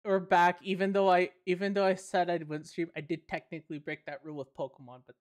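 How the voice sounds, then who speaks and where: A woman's voice: fairly low pitch, little pitch movement, quick pace. Rambling woman streamer. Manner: rambling, self-correcting. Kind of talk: casual let's-play chat.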